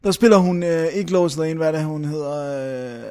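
A man's voice: a little high, dark tone. A young man chatting casually about a film, rambling, searching for names and filling gaps with hesitations. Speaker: film reviewer.

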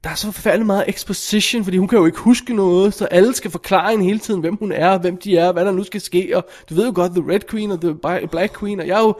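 A man in casual film review chat, animated and exasperated as he talks. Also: high voice, hardly any pauses.

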